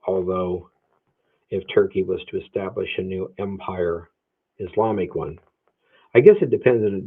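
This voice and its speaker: Low gravelly guy doing a livestream q&a, hedges a lot and restarts sentences, sounds like it's over a phone line. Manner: thinking aloud, hedging, many restarts. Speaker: Bible prophecy teacher answering viewer questions.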